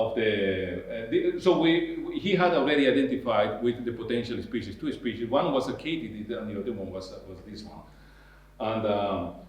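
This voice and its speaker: Halting male lecturer in an echoey hall. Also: mid-range voice. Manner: halting, full of restarts and repeated words. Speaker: university lecturer. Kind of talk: academic lecture.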